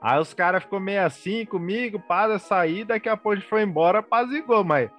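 A Brazilian man chatting casually about a football fight, in a relaxed, slangy way. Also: sits high, fairly quick, loud music behind the voice. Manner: laid-back, slangy, says "velho" and "mano". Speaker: podcast co-host. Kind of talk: casual storytelling.

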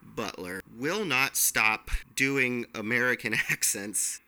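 A man's voice: medium pitch, lively intonation, takes it slowly, pushed and bright. A man co-hosting a podcast, chatting casually about films with many fillers and restarts. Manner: rambling, lots of fillers and restarts. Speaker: podcast co-host, film reviewer. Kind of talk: casual film review chat.

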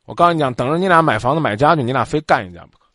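Blunt, animated man host. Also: medium pitch, racing, no room sound, clean studio sound. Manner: blunt, lively, scolding, acts out quotes. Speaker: radio advice show host. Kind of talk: call-in advice talk.

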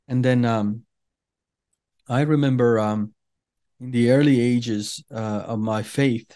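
With a mellow, medium-pitched voice and fairly even intonation, a middle-aged Farsi-speaking man from Iran offers earnest personal testimony in an interview. He is deliberate, leaning on frequent pauses and fillers.

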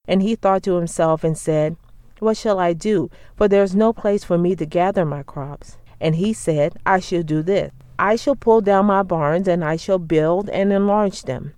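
Devotional podcast host reading scripture slow and steady, warm low tone, dry sound. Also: clean tone, dry recording.

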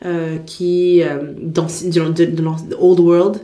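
A woman's voice: lowish voice, flat delivery, takes it slowly, warm tone, reverberant. A woman chatting casually and enthusiastically, stumbling and restarting often. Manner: enthusiastic, frequent restarts and stammers. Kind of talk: casual chat.

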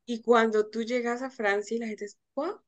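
A woman guest in a casual podcast conversation, lively and acting out little exchanges as she tells them. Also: fairly high pitch, brisk, highs cut off.

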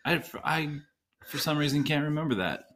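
A man's voice: fairly high pitch, expressive, a little fast, a bit bright. A man co-hosting a casual podcast, jokey and playful, laughing a lot and tossing in quips. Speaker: podcast co-host. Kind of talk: casual chat.

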